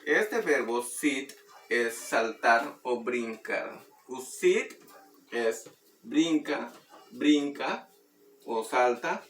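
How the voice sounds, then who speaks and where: A man teaching Maya words through a children's song, speaking slowly and patiently and repeating words for practice. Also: medium pitch, a bit bright. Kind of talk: explaining and demonstrating a children's song. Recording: roomy, distant mic, faint background noise.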